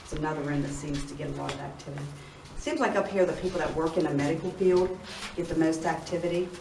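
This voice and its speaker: A deep, gravelly, fast-talking Appalachian woman guides a group through an old prison after dark, loudly telling stories. The empty rooms make the distant, noisy recording echo.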